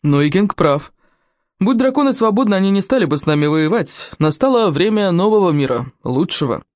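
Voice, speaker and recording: A woman's voice: lowish voice, expressive, brisk, darkish tone, dry recording, clean studio sound, natural voice. A woman voicing a strapping, solemn teenage Viking boy in a storybook reading. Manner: solemn, proud.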